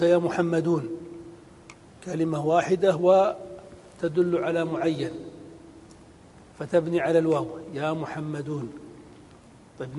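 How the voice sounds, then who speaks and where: A man teaching a grammar lesson in a slow, deliberate way, repeating each rule and illustrating it with examples. His voice sits a little high and sounds mellow. It carries a long hall reverb with a faint rumble underneath.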